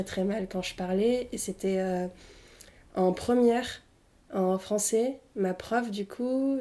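A young woman from Tunisia, whose first language is Arabic, speaks in a loose, hesitant way, full of slang and filler words. Her voice stays fairly level in pitch, with a mellow, darker timbre. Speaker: interviewee. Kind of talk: casual personal testimony.

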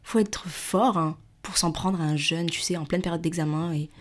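A woman's voice: lowish voice, normal speed. A young adult woman animatedly telling a personal story, acting out the dialogue with chatty fillers.

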